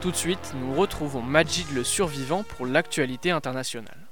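A man hosting a news show, briskly introducing each segment over a music bed. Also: mid-range voice. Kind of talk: scripted news show links.

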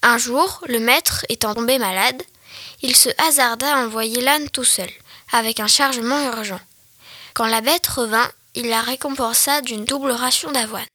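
High, bright girl's voice reading. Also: normal speed, dry recording. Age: under 12. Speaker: schoolgirl. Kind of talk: reading a story aloud.

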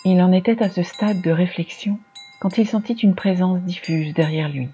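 Mellow-voiced dark fantasy storyteller. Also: mid-range voice, moderate pace, lo-fi sound, a little hiss or hum. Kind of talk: scripted fantasy narration.

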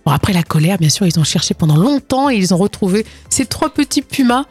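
A woman co-hosting a casual morning radio show in a studio, telling news stories with a giggly, animated manner. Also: medium pitch, husky. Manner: giggly, animated, quick to laugh. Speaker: radio co-host.

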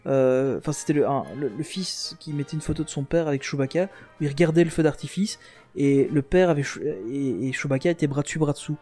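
A man's voice: fairly high pitch, steady tone, fairly quick, warm tone, soft background music. A man chatting on a casual podcast, enthusiastic and rambling, often restarting his sentences.

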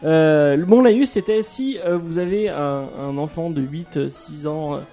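Male co-host, light mellow voice, hesitant and rambling. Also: a little high, measured pace, soft background music. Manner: hesitant, many fillers, swears casually. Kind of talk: casual chat.

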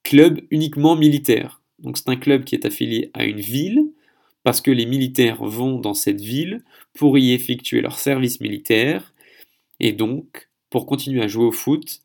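Man, from France, podcast host, gravelly voice, solo explanatory monologue, self-correcting. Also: medium pitch, moderate pace, darkish tone. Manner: explanatory, thinking aloud with frequent self-corrections.

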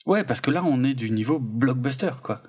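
A man's voice: medium pitch, animated, moderate pace, darkish tone, breathy edge. A man casually reviewing films with a co-host, rambling and laid-back, with plenty of hesitations. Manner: rambling, laid-back, lots of filler and hedging. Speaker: podcast co-host. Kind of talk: casual film review chat.

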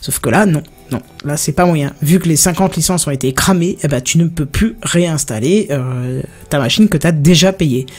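A man's voice: normal speed, hardly any pauses. Chatty guy ranting. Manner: rambling, animated storytelling with many fillers; puts on a high-pitched voice for a phone agent. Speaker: podcast co-host. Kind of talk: casual chat.

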